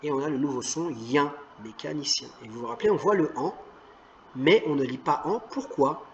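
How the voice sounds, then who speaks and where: A man teaching a reading lesson to children, sounding out words slowly and patiently, encouraging them as he goes. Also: fairly high pitch, darkish tone, highs cut off, slight background noise. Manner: slow, clearly stressed word-by-word reading. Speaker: primary school teacher.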